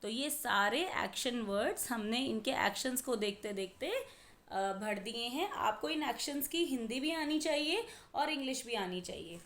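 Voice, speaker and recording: A woman teaching a worksheet lesson to young children, gently instructive, slowly sounding out letters and blends. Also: a little high, expressive.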